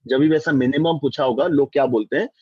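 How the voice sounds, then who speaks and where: Husky-voiced man teaching a physics class. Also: medium pitch, fast talker, dry recording. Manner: mixes Hindi and English, quizzes students often. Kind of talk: online class lecture. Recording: dull dry lo-fi mic.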